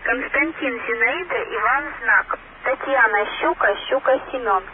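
A woman radio operator spelling out a coded message in slow, measured dictation over a walkie-talkie channel. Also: fairly high pitch. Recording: tinny radio transmission with loud static.

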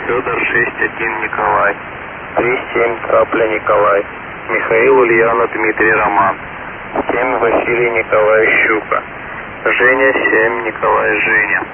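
A man's voice: on the low side, creaky. A man on a helmet radio working as a radio operator, spelling out a coded message letter by letter with the phonetic alphabet. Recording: tinny radio line with loud hiss.

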